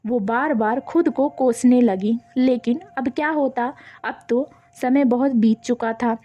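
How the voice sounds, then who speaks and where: A woman's voice: on the high side, a little slow, muffled recording. A woman telling a family moral story, reading the characters' lines in her own voice.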